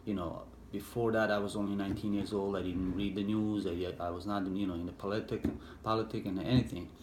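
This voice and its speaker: A middle-aged man from Bosnia with a Bosnian accent, English not his first language, recalling his past haltingly with many fillers and restarts in an interview. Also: lowish voice, fairly even intonation. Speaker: interviewee, war veteran. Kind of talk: personal recollection, hesitant. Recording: echoey room with faint background noise.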